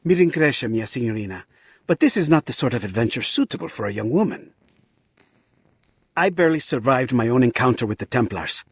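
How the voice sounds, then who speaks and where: A gallant inventor. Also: male voice, medium pitch, husky, dry recording. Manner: gallant, sprinkles Italian address. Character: courteous Renaissance inventor, gallant and protective. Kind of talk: video game cutscene dub.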